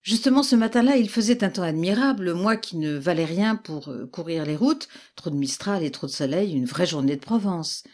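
A woman reading a classic tale aloud as narrator, with expressive storytelling. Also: on the low side, moderate pace, hardly any pauses. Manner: expressive storytelling with lively exclamations. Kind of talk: literary audiobook reading.

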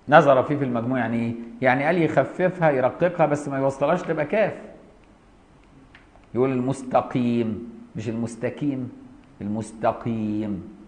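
A man with an Egyptian accent teaching a classical legal text, reading it aloud and explaining it in colloquial speech, slowly sounding out example words. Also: mid-range voice. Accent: Egyptian Arabic. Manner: reads classical text, then explains in colloquial dialect, voicing pronunciations slowly. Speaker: Islamic jurisprudence teacher.

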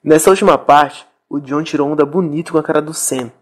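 A man hosting a pronunciation lesson, explaining slowly and repeating words. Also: on the high side, steady tone. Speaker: English teacher and channel host.

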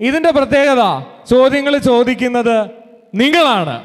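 A man's voice: extremely high pitch, moderate pace. A man with a Kerala accent hosting a live stage event energetically, mixing English words into his Malayalam. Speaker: event host. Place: college auditorium stage. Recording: echoey noisy hall over PA.

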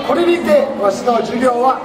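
A man's voice: very high-pitched, expressive, moderate pace. A man playing a jovial, folksy samurai warlord on stage, speaking theatrically in archaic lordly Japanese turns of phrase with a Nagoya accent. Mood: jovial, grand. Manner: theatrical, archaic lordly speech, projecting to audience. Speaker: costumed history performer and host. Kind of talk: live stage history lesson in samurai character. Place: large public indoor event stage. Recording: echoey noisy hall, crowd, far off.

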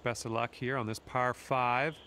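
A man commentating on golf shots, calm and encouraging, speaking straight to the player. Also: mid-range voice, moderate pace, a little hiss or hum. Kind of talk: sports commentary.

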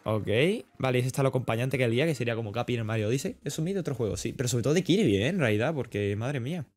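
A young man from Spain with a Spanish accent, reacting excitedly to a game trailer in casual live commentary, chatty and full of slang and exclamations. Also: mid-range voice, rapid-fire.

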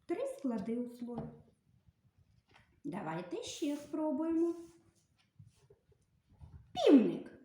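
A woman teaching a slow literacy lesson to small children, speaking in a sing-song way and stressing each word strongly. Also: a little high, wildly swooping pitch, darkish tone. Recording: echoey room.

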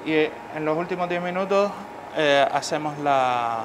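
At a normal pace and with a voice on the high side, a middle-aged male chef gives a cooking demonstration amid noisy kitchen ambience. He lays out the dish step by step in the professional kitchen, frequently checking in with a "vale."

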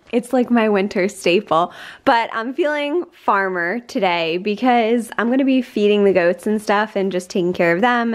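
A woman talking casually to the camera in a farm vlog, chatty with lots of fillers, switching to sweet baby talk for her animals. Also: mid-range voice. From Pennsylvania. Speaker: lifestyle vlogger. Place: farm, indoors and outdoors.

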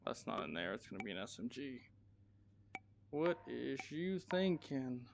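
A man's voice: mid-range voice, a little slow, gravelly, background noise. A man giving casual, profane commentary to himself while playing a shooter game. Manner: profane, excitable, talks to himself.

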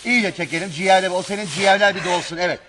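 A man's voice: high voice, very fast. A man hosting a talk show with casual comic banter, coaxing guests with short, repeated instructions. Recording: loud studio crowd and music behind. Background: loud music and studio crowd.

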